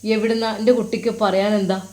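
A kindly old male religious teacher, put on by a woman storyteller, speaks. He coaxes his pupil with fond, gentle questions, at a middle pitch for a woman. The voice carries the homely tone of a spoken storybook tale. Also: flat delivery, quick pace, lightly acted. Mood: coaxing. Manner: coaxing, tender, questioning.

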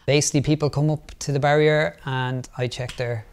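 A man in a documentary interview, telling his own story in a relaxed, amused way. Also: medium pitch, a little fast, a little hiss or hum.

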